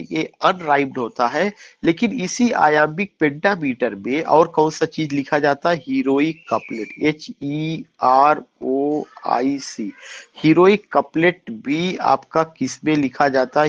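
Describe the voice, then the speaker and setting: A male teacher giving an exam-prep lecture, asking questions and answering them himself, reading English lines slowly. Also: fairly high pitch, no room sound. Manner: explains in Hindi, reads English lines slowly. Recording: dull dry recording.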